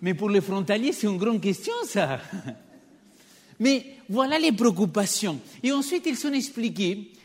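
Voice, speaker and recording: A man with a high-pitched, expressive voice preaches unhurriedly to his congregation, pulling them in with rhetorical questions. His accent is noticeably non-native French, and the recording carries the long reverb of a church hall.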